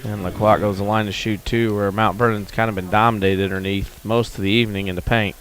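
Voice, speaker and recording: A man giving color commentary on a high school basketball game in a gymnasium, plain-spoken with brief remarks. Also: steady tone, fast, a bit bright.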